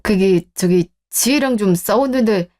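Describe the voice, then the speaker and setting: A woman's voice: mid-range voice, a little slow, warm tone, lightly acted. A woman voicing a stubborn, defensive younger husband who argues indignantly with his mother in a radio drama.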